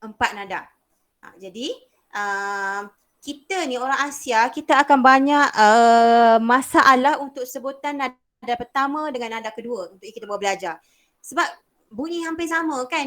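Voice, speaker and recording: A young woman with a Malaysian Malay accent teaches a beginners' Mandarin class online, explaining patiently and repeating sounds to demonstrate. Her voice is high-pitched and a bit bright, at a moderate pace.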